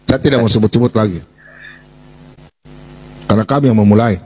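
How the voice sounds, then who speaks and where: A man's voice: lowish voice, fairly quick, a little mellow, breathy edge. A man hosting a heated online debate, confrontational, hurling insults and repeating himself. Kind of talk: heated live voice-chat debate. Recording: noisy voice-chat audio.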